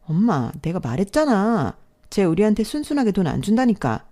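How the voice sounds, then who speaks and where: A woman's voice: medium pitch, very animated, moderate pace, dark tone. Brief: woman voicing a rude, whiny younger sister in a storybook drama. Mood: snippy. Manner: snippy, whiny. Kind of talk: storybook dialogue reading.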